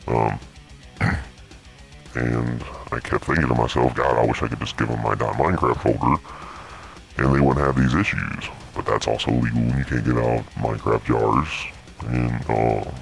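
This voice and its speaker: A man's voice: a bass voice, fairly even intonation, moderate pace, creaky, faint music behind. A man talking through a voice changer as an interview guest, hesitant, with many restarts and fillers. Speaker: interview guest, modpack creator. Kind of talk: casual interview.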